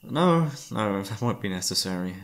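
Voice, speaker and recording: In an intimate ASMR roleplay, a man with a lowish, expressive voice plays an exhausted young boyfriend who is still affectionate. At a moderate pace he sounds weary and reluctant, sighing and hesitating, soft-hearted despite his tiredness.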